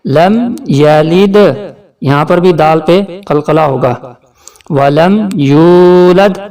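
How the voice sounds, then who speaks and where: Man, Pakistani Urdu accent, tajweed teacher, higher voice, mic at a distance, explains then recites slowly. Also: darkish tone. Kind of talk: tajweed lesson with slow recitation.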